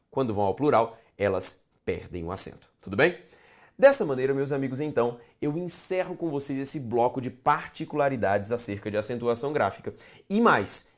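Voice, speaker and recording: A Brazilian-accented male grammar teacher whose voice swings up and down as he stresses each point. He poses rhetorical questions and repeats rules for his students. His pitch sits in a middle range for a man. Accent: Brazilian Portuguese. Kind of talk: recorded grammar lesson.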